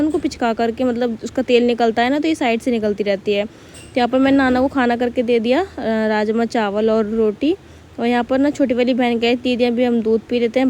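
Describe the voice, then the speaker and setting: Young woman, vlog voice-over, chatty and homely, slightly high and mellow, faint noise behind. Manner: chatty, homely, with many fillers. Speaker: vlogger. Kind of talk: casual vlog voice-over narration.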